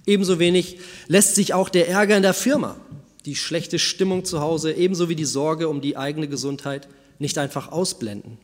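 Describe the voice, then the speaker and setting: A man preaching a sermon, first telling a fable in a calm storytelling manner and then speaking to the congregation. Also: on the high side, moderate pace. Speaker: pastor. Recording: long church reverb.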